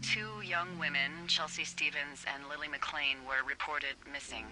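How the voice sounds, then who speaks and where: A woman's voice: low-pitched, steady tone, unhurried, over music, poor audio. A woman voicing a teasing, dry-humored fire lookout supervisor talking over a radio in a video game. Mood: serious. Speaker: game character.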